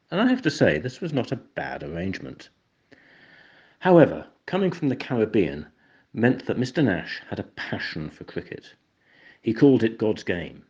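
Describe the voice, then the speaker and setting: Older english guy with a really low husky voice, dry jokey explainer narration, bit of a dull lo-fi sound. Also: darkish tone. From England. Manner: wry, dry-humored asides. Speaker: narrator of an educational video.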